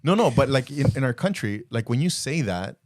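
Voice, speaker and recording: A man's voice: medium pitch, expressive, fairly quick, no echo, clean studio sound. A man co-hosting a podcast, teasing and bantering playfully in casual chat. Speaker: podcast co-host.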